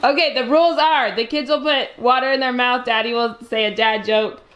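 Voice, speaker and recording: A woman's voice: fairly high pitch, steady tone, brisk, muffled recording. A woman chatting casually as a mother running a family challenge video. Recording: echoey room with clear background noise.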